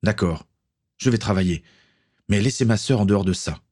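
A man's voice: fairly low pitch, normal speed, a little mellow, natural voice. A man voicing a stubborn, indignant young man who protests and pushes back. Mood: defiant.

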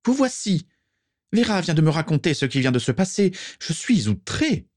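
A man reading aloud and voicing a shrill, nagging noblewoman with a high-pitched voice. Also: very animated, normal speed, a little mellow. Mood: indignant. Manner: scolding, indignant.

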